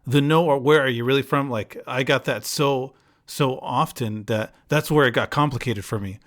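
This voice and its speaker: A man's voice: mid-range voice, moderate pace. Man, slight foreign accent, casual podcast host, rambling, restarts a lot. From United States. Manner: rambling, restarts often, animated retelling. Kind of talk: casual chat.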